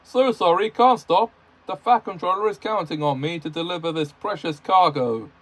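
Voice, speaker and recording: A man's voice: high voice, moderate pace, voice pushed up. A man voicing a proud male express engine who speaks in a formal, haughty way. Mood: hurried.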